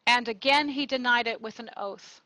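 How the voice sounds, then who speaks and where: A woman narrating a gospel reading in a church service, clear and measured. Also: on the high side, bright, forceful tone, no room sound, rough recording. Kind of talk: liturgical scripture reading.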